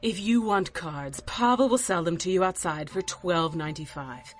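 An actress playing an imperious, curt mystic seer in an audio drama, with a haughty, theatrical and deadpan delivery. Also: female voice, fairly low pitch, normal speed, soft background music, natural voice. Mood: dry, haughty.

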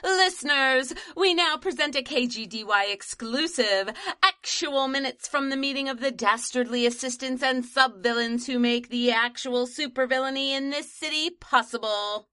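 A woman's voice: sits high, normal speed, pushed and bright, smooth, no echo. A woman playing a self-important female radio news reporter who narrates events dramatically in a comedic audio drama. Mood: dramatic.

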